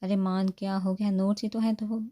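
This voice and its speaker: A woman's voice: medium pitch, flat delivery, warm tone, natural voice. A woman voicing a kind young man who soothes his younger sister lightly. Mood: soothing. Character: kind, gentle older brother, young man.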